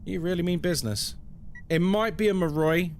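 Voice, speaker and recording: A man's voice: high voice, moderate pace, a little hiss or hum. A man chatting casually as a live game streamer, with playful, tongue-in-cheek banter and commentary for his viewers.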